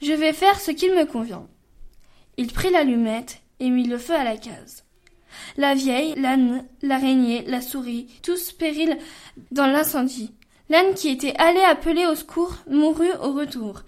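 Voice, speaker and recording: A woman, a student reader, reading a folk tale aloud with an expressive voice. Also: high voice, unhurried.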